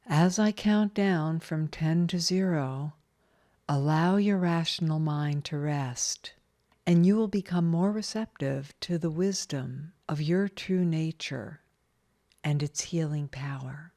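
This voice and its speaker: A woman with a low-sitting voice guides a scripted meditation, calm, soothing and measured, leaving long pauses.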